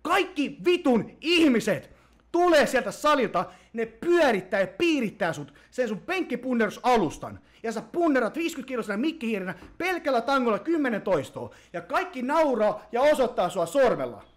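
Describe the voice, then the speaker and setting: A man's voice: very high-pitched, big pitch swings, few pauses. A man hosting a podcast, ranting heatedly and profanely and mocking people in whiny voices. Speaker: podcast host.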